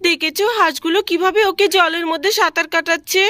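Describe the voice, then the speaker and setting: A woman voicing an eager little girl in a cartoon who talks in an excited, pleading way. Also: very high-pitched, fast, no room sound, studio quality.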